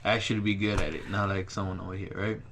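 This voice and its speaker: Young man telling animated work stories. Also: sits low, quick pace, a little hiss or hum. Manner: animated storyteller, exaggerates for laughs. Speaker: podcast co-host. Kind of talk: casual chat.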